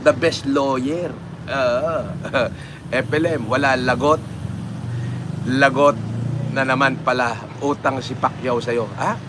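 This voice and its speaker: A man's voice: mid-range voice, fairly even intonation, slow pace, pauses often. Mocking Filipino man on a noisy live stream. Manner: mocking, laughs often. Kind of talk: casual live-stream chat, reading comments.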